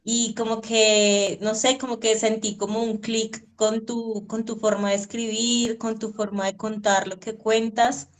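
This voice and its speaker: A woman's voice: on the high side, level tone, unhurried, few pauses. A woman telling a story in a casual, rambling way, full of fillers and restarts. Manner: chatty, rambling, many fillers like 'como que'. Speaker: reader and guest. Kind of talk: casual conversation.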